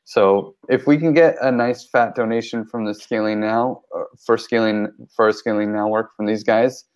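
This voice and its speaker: A man's voice: lowish voice, fairly even intonation, normal speed, a little mellow, clear, resonant tone. A man talking casually in an online meeting, rambling with many fillers. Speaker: team member reporting on campaigns. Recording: dull lo-fi call audio.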